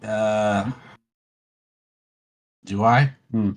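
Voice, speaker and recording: A man's voice: lowish voice, fairly even intonation, extremely slow. Man thinking aloud as a game player. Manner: rambling, thinks aloud with fillers. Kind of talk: casual tabletop game play.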